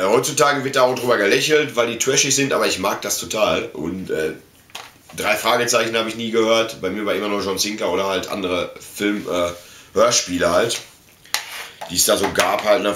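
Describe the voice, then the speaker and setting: A German man in his forties, with a lowish, fairly bright voice and fairly even intonation, talks a little fast in a casual unboxing chat. As a vlogger showing off collectibles, he's colloquial, slangy, and enthusiastic. The small indoor room full of collectibles sounds echoey, with faint noise and clicks.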